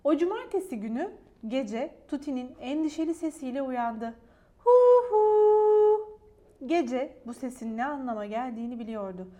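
A woman reading a children's story aloud in a gentle, expressive way. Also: sits high, fairly quick.

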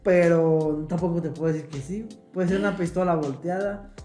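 A man's voice: on the high side, steady tone, moderate pace, mellow, roomy sound, soft background music. A young man with a Mexican Spanish accent telling crude, slang-heavy stories in casual chat, laughing often.

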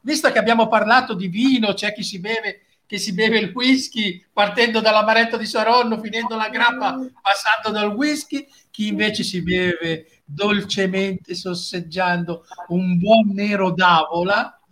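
A man's voice: high-pitched, unhurried, few pauses, a bit bright. A man hosting a casual live talk show, teasing and prodding his guests.

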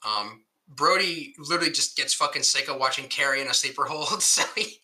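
A little fast and medium-pitched, this podcast co-host gives a lively, casual recap. He laughs a lot and swears freely throughout.

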